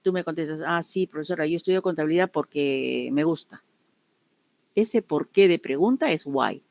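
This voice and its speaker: A woman with a deep, slightly mellow voice speaks at a normal pace with no echo. She's an English teacher giving an online grammar lesson, patiently repeating every example and frequently checking that her students understand.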